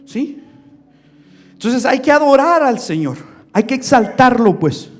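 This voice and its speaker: High-voiced preaching man, animated. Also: unhurried. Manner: animated and joking, swings from soft asides to shouted preaching. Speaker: pastor. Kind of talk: sermon. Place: church. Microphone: handheld microphone.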